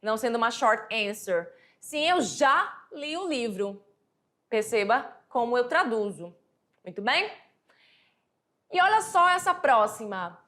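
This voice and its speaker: A woman teaching English to high school students, explaining patiently and reading the English examples out slowly. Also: big pitch swings, fairly bright tone. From Brazil. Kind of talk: classroom lesson explanation.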